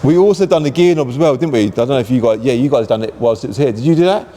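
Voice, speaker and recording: A man's voice: mid-range voice, lively intonation, rapid-fire, background noise. A man in a casual chat about a car, chatty and full of leading questions.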